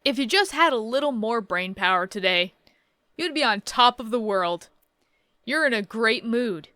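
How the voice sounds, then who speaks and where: A woman's voice: fairly high pitch, expressive, moderate pace, bright, forceful tone, dry recording, studio quality. A woman in her thirties casually reading game text aloud and adding wry, joking asides in a playthrough. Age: 30s. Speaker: let's play host.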